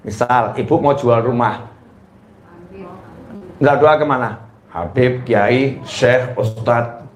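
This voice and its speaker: Delivering a sermon to a live audience at a slow pace, a man playfully quizzes the mothers and imitates them in high, squealing voices, teasing everyone with questions. The sound is roomy.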